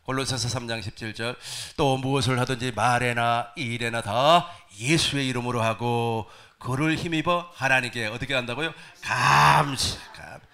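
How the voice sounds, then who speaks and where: A male pastor preaching a sermon to his congregation, animated, asking them questions. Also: medium pitch, moderate pace, hardly any pauses. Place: church sanctuary.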